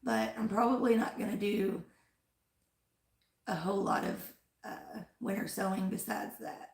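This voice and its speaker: This flower-farm livestream host has a creaky, medium-pitched voice with fairly even intonation and a measured pace, worn down since she was sick. She rambles casually, peppering her talk with "like" and "um," in an echoey space.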